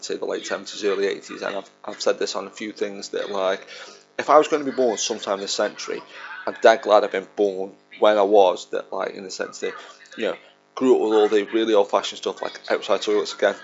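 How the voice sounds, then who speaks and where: Gravelly man rambling over a film. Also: on the low side. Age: 30s. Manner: rambling and chatty, laughs along. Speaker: podcast host. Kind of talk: casual fan film commentary. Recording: dull lo-fi recording with faint film soundtrack.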